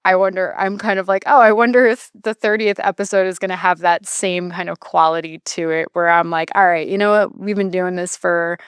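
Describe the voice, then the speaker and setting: A woman's voice: lowish voice, fairly even intonation, a little fast, hardly any pauses, clear, resonant tone, no room sound, clean studio sound. A woman in her thirties hosting a podcast, talking in a reflective, chatty way that often trails off and restarts. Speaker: podcast host. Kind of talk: casual podcast conversation.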